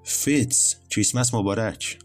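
A man with a very deep voice voicing an earnest, naive young male soldier who talks plaintively. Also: faint music behind. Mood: excited. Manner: plaintive, excited.

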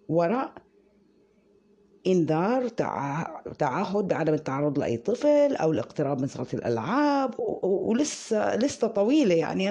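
Husky Levantine woman telling a story. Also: mid-range voice, dark tone, highs cut off. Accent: Levantine Arabic. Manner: indignant, sarcastic retelling. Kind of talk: personal storytelling.

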